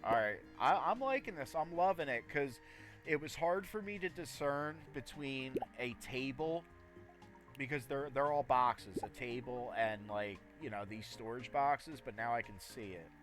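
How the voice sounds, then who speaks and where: A man's voice: mid-range voice, normal speed, fairly bright tone, soft background music. A man giving casual, rambling live commentary as he plays a game, often talking to himself. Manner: rambling, talks to himself while playing. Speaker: gaming streamer.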